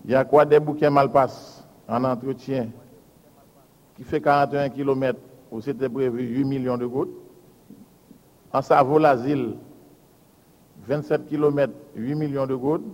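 A man, a public works official giving a formal budget presentation and reading out lists of figures in a measured, deliberate way. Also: mid-range voice, steady tone. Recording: hall with long reverb.

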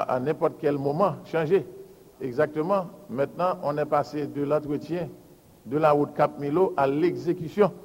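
A man, a public works official giving a formal budget presentation and reading out lists of figures in a measured, deliberate way. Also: on the high side, darkish tone. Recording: hall with long reverb.

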